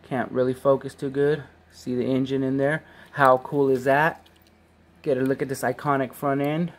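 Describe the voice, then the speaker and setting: A man's voice: medium pitch, little pitch movement, moderate pace. A man in his forties casually reviewing toy cars as host of his collector channel, enthusiastic and throwing in playful beep-boop noises. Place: his basement collection room.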